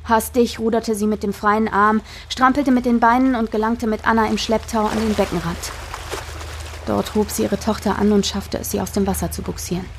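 A woman's voice: mid-range voice, fairly even intonation, moderate pace, a little hiss or hum. A woman narrating a dramatic audiobook in a tense storytelling manner.

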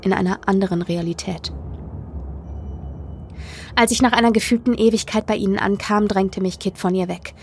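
A woman narrating a horror story in the first person, with tense, expressive delivery. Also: medium pitch, moderate pace, long pauses, slight background noise. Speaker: podcast narrator. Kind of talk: dramatic horror story reading.

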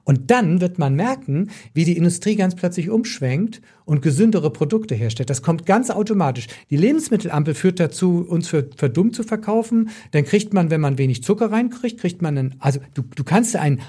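A man's voice: sits high, lively intonation, fairly quick, hardly any pauses, mellow, breathy edge. A man explaining as an expert in podcast conversation, emphatic and opinionated, repeating points for stress. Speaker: nutrition doctor, podcast expert.

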